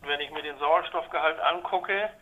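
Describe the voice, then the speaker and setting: Man, satellite phone line, thin tinny sound, somewhat high voice, matter-of-fact. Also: steady tone, normal speed, sharp tone, slight background noise. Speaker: ship engineer. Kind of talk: reporting measurements by phone.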